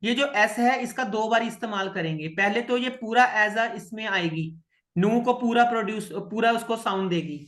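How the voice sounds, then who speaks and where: A man's voice: high voice, normal speed, a bit bright, echoey room. A man with an Indian accent teaching French to students, patiently repeating words and checking that they follow. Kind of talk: online French lesson.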